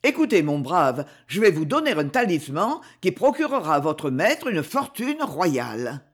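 A man doing Lorenzo, a grave slow sorcerer. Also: a little high, very animated, slightly rough, heavily acted. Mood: solemn. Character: male sorcerer, calm and solemn. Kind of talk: audiobook reading.

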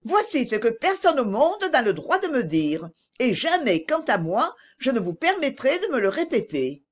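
A woman reading an audiobook voices a young woman who is gentle but firm and pleads earnestly. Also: on the high side, sing-song, a little slow. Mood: earnest pleading.

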